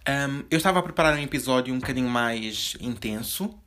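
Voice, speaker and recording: A young man with a European Portuguese accent talks quickly on his solo podcast. His voice is soft and sits at an ordinary middle pitch. He rambles in a confessional way, doubling back with fillers and restarts. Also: animated. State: slightly deeper voice from just waking up. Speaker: podcast host. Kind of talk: casual solo podcast chat.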